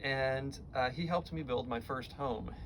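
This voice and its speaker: A middle-aged American man giving a heartfelt eulogy for his father, speaking tenderly and haltingly, with pauses and repeated words. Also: mid-range voice, background noise. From Florida, United States.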